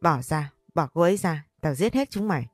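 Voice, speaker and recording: A woman's voice: low-pitched, lively intonation, a little fast, no room sound, soft background music. A woman voicing a furious, protective young husband in a read-aloud story.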